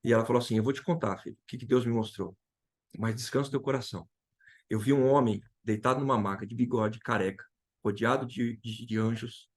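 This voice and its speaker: A man's voice: medium pitch, steady tone, a little fast. Brazilian man retelling a testimony. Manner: retells dialogue and repeats key phrases. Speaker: guest sharing a testimony. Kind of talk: emotional personal testimony.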